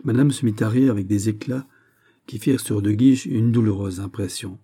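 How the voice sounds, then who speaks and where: A man narrating a classic novel as an audiobook, in measured, expressive storytelling. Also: lowish voice, husky.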